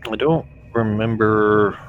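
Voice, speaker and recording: Low-voiced man running a tabletop game. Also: steady tone, takes it slowly, narrow, tinny audio. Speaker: game master. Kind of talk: casual explaining of tabletop game rules.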